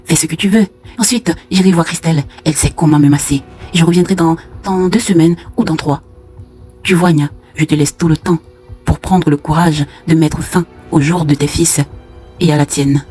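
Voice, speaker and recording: A cruel, self-admiring husband from a spoken tale, as the narrator puts him on. He boasts and mocks in a plain, mid-pitched voice. Soft music plays underneath. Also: fairly even intonation, moderate pace, slightly rough, natural voice. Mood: mocking. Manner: mocking, boastful. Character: vain cruel unfaithful husband, grown man.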